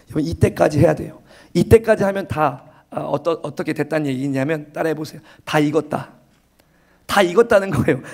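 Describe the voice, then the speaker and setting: Male pastor, slightly raised pitch, emphatic and repetitive sermon delivery, church setting. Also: gravelly, darkish tone. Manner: emphatic, repeats phrases, acts out excuses in quick asides. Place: church sanctuary.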